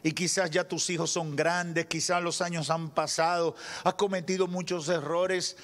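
A pastor in his thirties from the Dominican Republic preaches fervently at the pulpit with a handheld mic, his Dominican Spanish-accented voice on the high side with little pitch movement. He moves back and forth between loud statements and hushed, slow lines.

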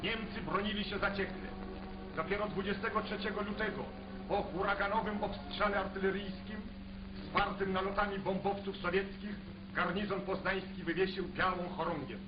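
A man's voice: high voice, fairly even intonation, normal speed, long pauses, echoey room, recorded from a distance, lo-fi sound. A man with a Polish accent narrating a 1940s newsreel in a solemn, declamatory way, in the sound of an old newsreel. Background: loud music score.

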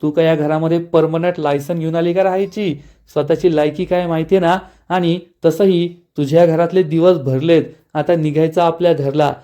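A man's voice: fairly high pitch, fairly even intonation, normal speed, mellow, natural voice. Man reading a brash pushy young suitor. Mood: bullying.

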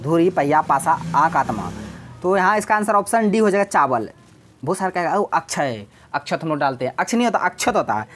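A woman teaching an exam-prep grammar lesson, explaining step by step and repeating key words. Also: fairly low pitch.

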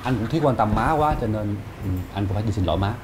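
Brief: actor, low-voiced bossy grown son, quick, swinging delivery over music. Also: male voice, noisy background, natural voice. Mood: eager. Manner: lecturing, animated delivery. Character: bossy grown son lecturing his mother. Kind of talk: sitcom acting.

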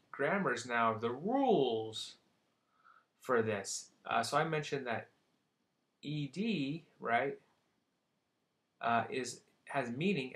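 Laid-back guy doing a psych lesson, keeps asking "right?", cracks little jokes, mid-pitched voice. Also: fairly bright tone. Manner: casual, checks in with "right?" and "okay?"; light joking asides. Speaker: teacher. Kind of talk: recorded lecture.

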